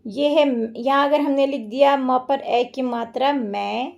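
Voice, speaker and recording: A woman's voice: sits high, unhurried, gravelly, a little mellow. A woman teacher explaining a children's workbook lesson step by step.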